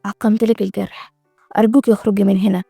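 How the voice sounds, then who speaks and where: A woman's voice: mid-range voice, level tone, fast, creaky, mellow, no room sound, studio quality, faint music behind, voice pushed down. Guarded young male doctor with an Egyptian accent, clipped and controlled, as a woman narrator puts him on. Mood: cold. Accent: Egyptian Arabic.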